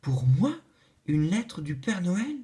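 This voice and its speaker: A woman's voice: lowish voice, very animated, slow, warm tone. A woman voicing a small, timid mouse postman who speaks earnestly.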